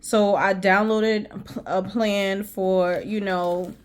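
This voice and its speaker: A woman's voice: mid-range voice, flat delivery, takes it slowly. A woman telling a personal faith story in a casual vlog, emotional and repeating herself as she talks to her viewers. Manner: emotional, repeats herself, often says "y'all". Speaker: faith vlogger.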